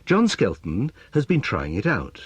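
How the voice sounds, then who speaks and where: A man presenting a scripted educational radio report, reading in a lively, expressive way. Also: mid-range voice, measured pace, husky, no echo.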